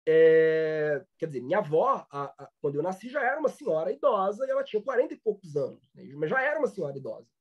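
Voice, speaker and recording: A man's voice: fairly high pitch, very animated, fast talker, hardly any pauses, lo-fi sound. A Brazilian man, a law professor, giving a lecture with many fillers and restarts. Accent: Brazilian Portuguese. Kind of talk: online lecture.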